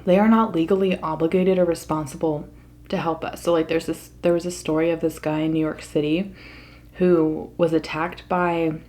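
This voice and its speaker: A woman's voice: sits low, fairly even intonation, normal speed, darkish tone, slight background noise. An American woman talking casually to her viewers in an opinion monologue, earnest and emphatic. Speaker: mukbang vlogger.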